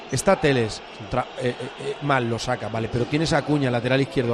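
A man with an accent from Spain giving insistent, opinionated live match analysis in a conversational way, on a noisy live broadcast. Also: mid-range voice. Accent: Spanish from Spain. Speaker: football pundit.

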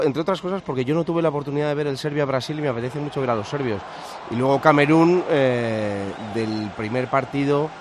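A man co-commentating on a football broadcast in a relaxed, informal way, swearing casually. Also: medium pitch, a little hiss or hum.

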